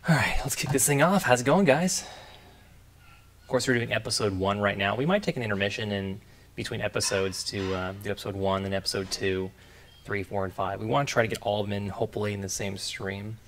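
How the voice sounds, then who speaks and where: A man's voice: lowish voice, fairly quick, a bit bright. A young man hosting a casual game livestream, chatting with viewers with lots of fillers. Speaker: livestream host. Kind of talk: casual gameplay stream chat. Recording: game music playing behind.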